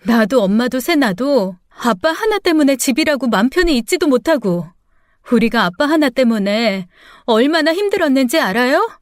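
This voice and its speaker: A woman voicing a grown daughter who is bitter and defiant toward her father, with sharp, accusing, tearful protests. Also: high-pitched, big pitch swings, normal speed, dry recording, studio quality. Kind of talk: radio drama acting.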